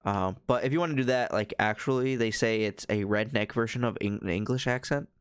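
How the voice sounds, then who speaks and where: A young man co-hosting a podcast in casual chat, easygoing and halting, with many fillers. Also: fairly low pitch, smooth, no echo, clean studio sound. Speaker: podcast co-host.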